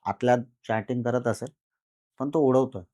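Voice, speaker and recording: A man recounting a first-person horror experience in a podcast conversation, animated and repetitive with dramatic pauses. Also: medium pitch, dry recording, clean studio sound. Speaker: guest storyteller.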